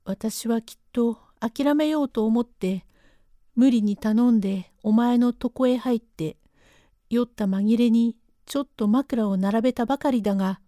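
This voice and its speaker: Woman voicing pleading young male servant, mellow tone. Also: on the high side, dry recording, clean studio sound, natural voice. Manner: pleading, insistent.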